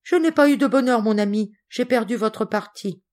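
A woman reading an audiobook aloud and voicing a plump, meddling, gossiping spinster cousin in a shrill, bossy voice. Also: normal speed, darkish tone, natural voice.

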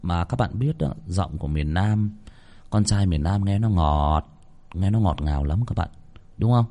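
A man's voice: sits low, lively intonation, a little slow, dark tone. Chatty male host. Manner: chatty, joking, playful teasing. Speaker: horror story channel host. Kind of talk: casual outro chat to listeners.

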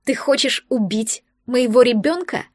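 A fierce young pregnant heroine, voiced by a woman reader in a fairly high, close and dry voice. She speaks in sharp, protective outbursts. It is an audiobook heroine with a fiery temper. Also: measured pace, no echo. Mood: furious.

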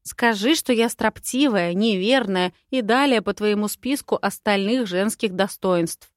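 A woman voicing a quick-tempered, sharp-tongued young bride in an audiobook. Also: mid-range voice, dry recording, clean studio sound, natural voice. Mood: bitter. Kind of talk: audiobook character voice.

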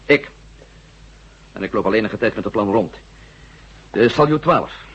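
In a dull lo-fi science fiction radio drama, a man plays a hot-tempered, determined ex-astronaut adventurer laying out his plans. His lowish, slightly rough, a bit bright voice is animated and heavily acted yet unhurried. He argues his case emphatically and urgently, swearing as he goes.

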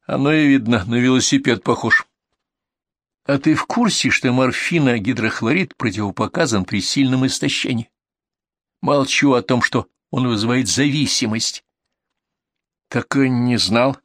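A man's voice: mid-range voice, normal speed, a bit bright, no room sound, lightly acted. Man voicing a stern, weary ambulance doctor. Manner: dry, stern, mocking. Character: weary, gruff male ambulance doctor, middle-aged.

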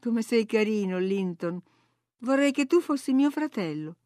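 Brief: woman reading as a spirited, hot-tempered teen girl, lifted bright pitch, dry close sound. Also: expressive, unhurried, no echo. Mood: earnest. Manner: earnest, then hotly indignant. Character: headstrong, quick-tempered teenage girl. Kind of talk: audiobook reading.

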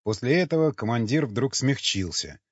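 A man narrating an audiobook in an expressive storytelling manner. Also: mid-range voice, normal speed, slightly rough, dry recording. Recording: dull lo-fi recording.

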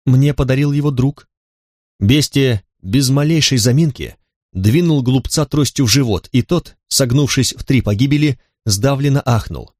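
A man reads a novel aloud as the audiobook narrator, steady and measured in his storytelling. His voice sits at a middle pitch and sounds dry, as if recorded close in a quiet booth. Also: no echo. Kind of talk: scripted narration.

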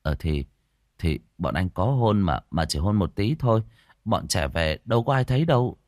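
A man's voice: low-pitched, expressive, moderate pace, a little mellow, no room sound, clean studio sound. A man voicing a flustered young man who stammers and hesitates. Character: flustered young man caught between two women.

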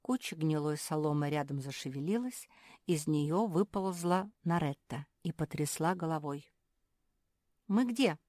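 A woman narrating a children's story in an even, storytelling manner, close to the mic. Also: low voice, normal speed, dry recording.

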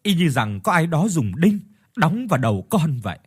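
A man's voice: a little high, big pitch swings, moderate pace, breathy edge, pitched above the performer's own voice. A man voicing a sick teenage son in a spoken horror story, talking weakly. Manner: weak, strained.

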